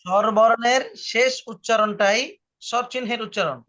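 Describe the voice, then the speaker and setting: High-voiced man teaching a language lesson. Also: bright, forceful tone. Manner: explains slowly and repeats rules for the student. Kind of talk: patient spoken lesson. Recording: muffled lo-fi online recording.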